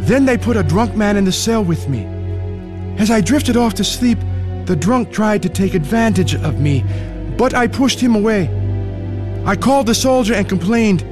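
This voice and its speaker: A man's voice: high voice, animated, normal speed, over music. A man from Ethiopia narrating his own story in an earnest first-person radio drama. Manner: earnest, pleading when frightened. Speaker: narrator and lead character.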